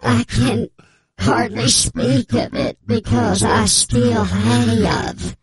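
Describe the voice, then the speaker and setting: A man playing an anonymous male informant whose voice is disguised, speaking in a slow, solemn, mock-dramatic way on a comic sports radio bit. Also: very high voice, creaky, a loud crowd, heavily acted. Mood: grave, mock-secretive.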